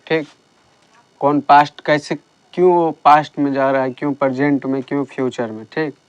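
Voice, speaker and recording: Slow, smooth-voiced male teacher. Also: on the high side, no echo, dull audio. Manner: slow, patient explaining with repeated checks. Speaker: English teacher. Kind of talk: classroom grammar lesson.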